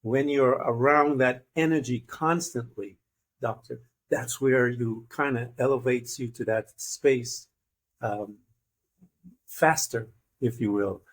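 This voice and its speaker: A man's voice: mid-range voice, slow pace. A man from Guyana hosting an interview, talking in a thoughtful, meandering way with many fillers. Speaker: interview host. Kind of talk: casual interview conversation.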